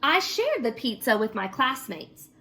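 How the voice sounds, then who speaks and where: With a fairly high, unhurried voice, a woman teacher reads a picture book aloud expressively. Afterward she puts questions about it to the children.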